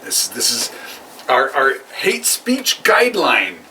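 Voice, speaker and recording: Male co-host, slow and joking in casual banter over drinks; distant mic, loud background noise. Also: medium pitch, huge pitch swings. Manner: joking, laughs often. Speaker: podcast co-host.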